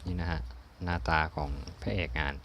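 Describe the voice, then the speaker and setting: A man's voice: deep voice, normal speed, gravelly, noisy background. A young man casually talking through an unboxing, chatty and thinking aloud, often repeating words as he goes. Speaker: unboxing vlogger.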